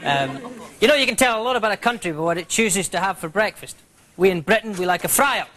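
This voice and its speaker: A man's voice: high voice, expressive, fast, sharp tone. A Scottish man doing a playful, rambling stand-up routine on a TV studio stage. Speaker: stand-up comedian. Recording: live studio with audience laughter.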